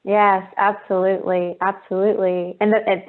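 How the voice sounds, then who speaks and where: A woman's voice: medium pitch, level tone, moderate pace. Woman, interview host, effusive, complimentary, video call, narrow phone-like sound. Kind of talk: online interview.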